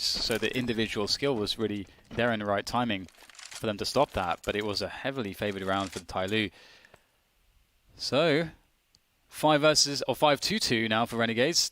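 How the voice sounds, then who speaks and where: A man's voice: mid-range voice, a bit bright. Chatty male esports commentator. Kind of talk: live play-by-play commentary. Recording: light background noise with game gunfire.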